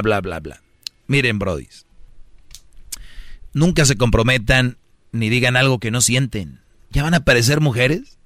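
A man's voice: mid-range voice, sharp tone, dry recording, clean studio sound. A man giving mocking, preachy advice as a comedic radio host.

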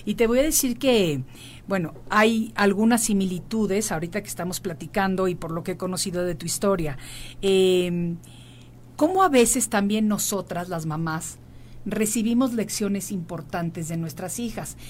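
A woman's voice: mid-range voice, moderate pace, a little mellow, slight background noise. Earnest middle-aged woman host. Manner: earnest, reflective storytelling. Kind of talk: emotional interview conversation.

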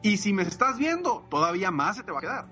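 A man's voice: high-pitched, big pitch swings, fast talker, bright, forceful tone, muffled recording, faint music behind. A man, a coach and podcaster, talking emphatically and enthusiastically in a casual podcast chat. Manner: enthusiastic, emphatic, frequent fillers like "eh" and "pues".

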